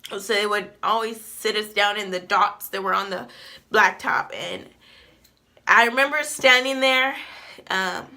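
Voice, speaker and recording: Woman in her 20s vlogging her life story, emotional and rambly, lots of fillers, crisp bright tone. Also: mid-range voice, measured pace. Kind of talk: personal storytelling to camera.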